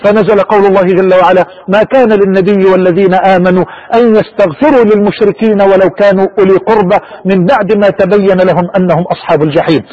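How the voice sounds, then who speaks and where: A man's voice: sits high, fairly even intonation, fast, hardly any pauses, highs cut off. A man preaching a sermon with impassioned delivery and rhetorical questions.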